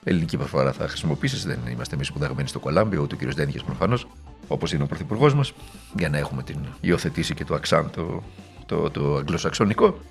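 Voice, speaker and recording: A man's voice: rumbling low, expressive, creaky, faint music behind. Sarcastic man giving a political speech. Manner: sarcastic and rhetorical, mocking.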